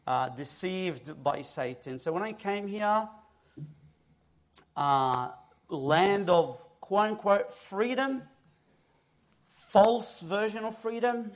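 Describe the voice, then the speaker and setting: Man from Egypt, guest preacher, slightly high voice, lively self-mocking testimony on a church stage mic. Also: slow pace, long pauses. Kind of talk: personal testimony in a church interview. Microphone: own stage mic.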